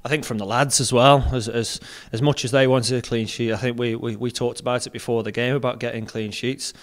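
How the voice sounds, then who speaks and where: A man's voice: mid-range voice, fairly even intonation. A young man, a football club captain, giving a post-match interview into a handheld mic in front of a sponsor board, repeating words as he thinks. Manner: plain, measured, repeats words while thinking. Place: indoors in front of a sponsor backdrop. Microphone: handheld mic held close.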